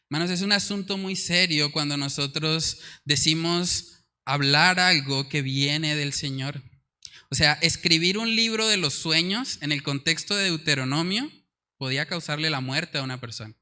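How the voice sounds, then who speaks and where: Male pastor, sharp and bright tone, slightly high voice, earnest sermon delivery. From Colombia. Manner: earnest, emphatic, repeats key words. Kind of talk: sermon with scripture reading.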